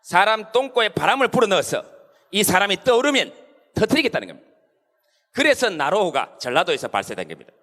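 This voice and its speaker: A man's voice: high voice, brisk. A man giving a playful, satirical stand-up talk to a live audience in a large hall. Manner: animated, playful, quoting insults in mock voices. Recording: long hall reverb.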